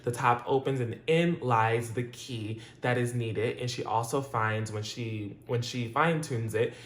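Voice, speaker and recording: A man's voice: mid-range voice, measured pace, a bit bright. A man hosting his own channel, giving a casual, rambling review of a TV episode with lots of fillers, restarts and laughs. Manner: chatty and loose, with frequent fillers, restarts and laughs. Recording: roomy echo.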